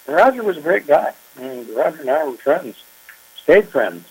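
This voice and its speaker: A man's voice: a little high, very animated, husky, poor audio. Older man recalling ranger days. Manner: unhurried, reflective storytelling with frequent pauses. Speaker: retired park chief ranger. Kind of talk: oral history interview.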